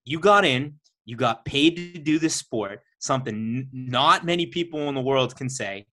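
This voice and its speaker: A man's voice: medium pitch, animated, moderate pace, sharp tone. A man hosting a podcast, talking to his guest in an earnest, encouraging way. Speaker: podcast host. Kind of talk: casual podcast chat.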